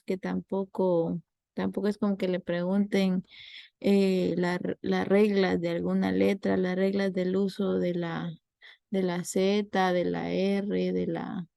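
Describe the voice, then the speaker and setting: A woman's voice: medium pitch, creaky, warm tone, no echo. A young woman, tutoring a class and patiently explaining step by step with examples.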